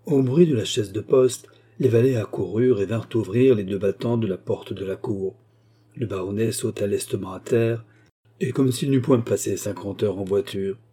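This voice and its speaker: A man narrating a classic novel as an audiobook in steady, measured storytelling. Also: on the low side, husky.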